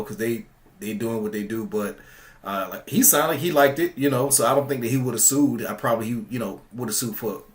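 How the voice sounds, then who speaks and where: A man talks casually on his commentary channel in a loose, rambling way, full of fillers and restarts. He speaks at a middle pitch.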